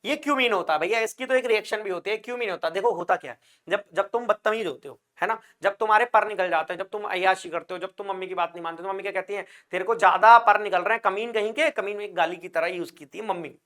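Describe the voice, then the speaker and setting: High-voiced man teaching with playful repetition. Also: fast, a bit bright. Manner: asks students questions and answers them himself; calls students brother and child. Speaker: chemistry teacher. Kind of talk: exam-prep lecture.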